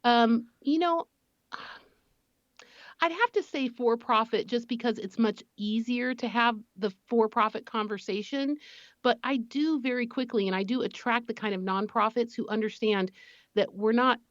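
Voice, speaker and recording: A woman's voice: a little high, normal speed, no room sound, dull audio. A woman appearing as a podcast guest, chatting casually and laughing often as she answers questions. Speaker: guest, marketing agency CEO. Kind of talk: casual interview chat.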